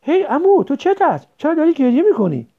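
A narrator voicing a rough, excitable young working man who calls out loudly and teases, in a dull lo-fi recording. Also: high voice, voice pushed up. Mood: worried. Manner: loud teasing calls, quick scolding.

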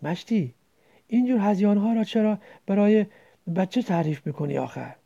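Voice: mid-range voice, animated, vocal fry, dark tone, muffled recording. A reader voicing an anxious village wife. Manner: pleading, anxious. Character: worried poor village wife.

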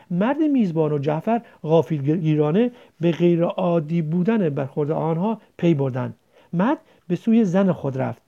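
A narrator reading a novel aloud with expressive storytelling, in a dull lo-fi recording. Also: medium pitch, vocal fry.

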